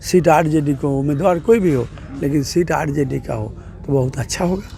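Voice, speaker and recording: Brief: middle-aged man, district politician, raspy-edged higher voice, blunt and repetitive answers. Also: normal speed, dark tone. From Bihar, India. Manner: forthright, repetitive rural phrasing. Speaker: district party president and legislator. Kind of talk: political interview.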